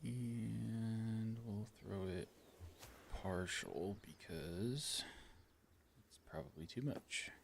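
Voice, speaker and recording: A man with a low, deep voice talks his way through a live game stream, easygoing and chatty. He is a young adult from rural Illinois who calls out to viewers in chat between plays. A faint hum of noise sits under his voice. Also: extremely slow, vocal fry. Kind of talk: casual gameplay commentary.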